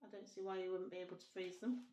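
A woman's voice: fairly low pitch, level tone, very fast, roomy sound, heavy background noise. A woman co-hosting a casual vlog, chatting and reading recipes out aloud. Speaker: vlog co-host. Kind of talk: casual chat.

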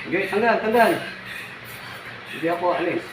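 Male folk healer, high pitch, commanding and repetitive; echoey, off-mic, noisy. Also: animated, moderate pace. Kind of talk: ritual healing commands. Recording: echoey, distant, noisy ambience.

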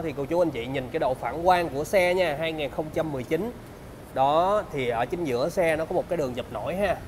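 High-voiced southern Vietnamese car salesman. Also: a little hiss or hum. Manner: salesman's patter, polite address and repeated selling points. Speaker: used car salesman presenting a car. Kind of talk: walkaround sales pitch to camera. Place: large open car service bay.

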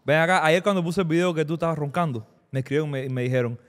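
A man hosting a casual podcast, teasing his guest with quick questions. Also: a little high, steady tone, long reverb tail. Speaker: podcast host.

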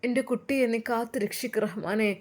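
A woman voicing a grieving, devout older mother who speaks softly and pleads through tears. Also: steady tone, brisk, close to an everyday voice. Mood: pleading. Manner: pleading, high and soft, tearful tone.

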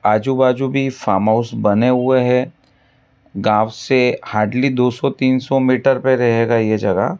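A man selling farmland in a voice-over, repeating his selling points in a pitchy salesman's patter. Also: steady tone, slow pace, a little mellow, lo-fi sound. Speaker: land broker. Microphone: voice-over over drone footage.

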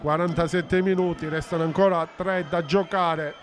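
High-pitched, breathless male football commentator. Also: steady tone, normal speed. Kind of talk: excited Italian football highlights commentary. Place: outdoor football stadium. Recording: noisy open-air stadium ambience.

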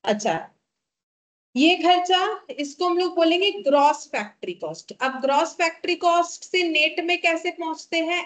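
A high-pitched Indian woman teaches a class step by step. She dictates numbers slowly and repeats them, posing questions and then answering them herself. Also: a bit bright. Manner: slow, repetitive dictation of figures, asking and answering her own questions.

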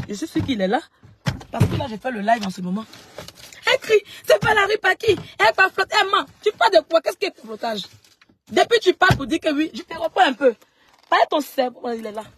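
A woman's voice: a little high, slight background noise. A woman vlogger answering followers in a live stream, confrontational and mocking, repeating herself as she talks straight into her phone.

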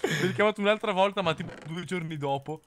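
Young man, quick chatty storyteller, mimics people, slightly high voice. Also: a bit bright, slight background noise. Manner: fast, chatty storyteller who mimics callers. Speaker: gaming co-host. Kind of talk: casual storytelling over gameplay.

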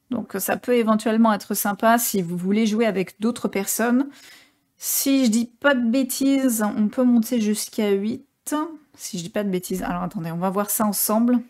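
A woman's voice: fairly high pitch, a little mellow. A woman gaming streamer giving casual gameplay commentary, chatty and joking with many hesitations.

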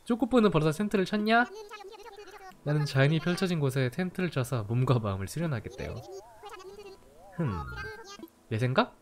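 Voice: mid-range voice, lively intonation, normal speed, pauses often. A game streamer chatting casually while playing, playful and teasing, cursing in jest and gushing over cute characters. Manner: playful, teasing, swears jokingly, gushes over cute things. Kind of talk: casual let's-play chat.

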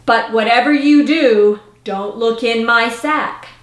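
A woman voicing a sly, greedy male fox who speaks slowly and coaxingly. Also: fairly high pitch. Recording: roomy with faint autoharp.

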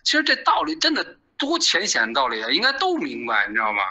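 Middle-aged guy, super bright fairly high voice, heated opinionated chat. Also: fast talker, rough recording. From China. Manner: animated, argumentative, keeps asking "you know?". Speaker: interview guest.

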